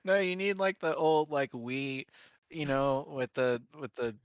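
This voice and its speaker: A man co-hosting a casual group podcast, joking in a lively way. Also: medium pitch, measured pace, smooth, dry recording. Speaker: podcast co-host.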